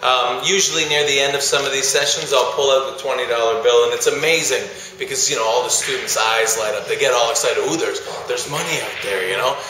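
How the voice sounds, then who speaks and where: A man's voice: medium pitch, steady tone, fast, hardly any pauses, pushed and bright. A man, a speaker to student groups, telling a story in a vlog monologue and acting out how his audience reacts. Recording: very echoey room.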